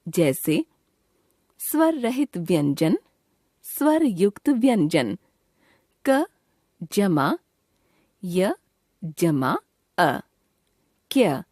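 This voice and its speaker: A woman delivers a children's grammar lesson at a very unhurried pace, sounding out each letter on its own with a pause after it. Her pitch rises and falls a great deal, and the recording is dry, with no room sound. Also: sing-song, warm tone, no echo. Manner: reads out letters one by one with pauses. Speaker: teacher.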